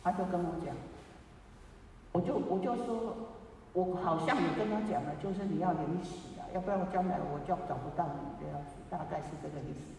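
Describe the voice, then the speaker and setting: Taiwanese-accented man, high voice, halting, moved storytelling; distant, echoey room with faint hiss. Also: creaky, warm tone. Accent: Taiwanese Mandarin. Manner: halting, repeats words, deeply moved. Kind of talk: personal storytelling.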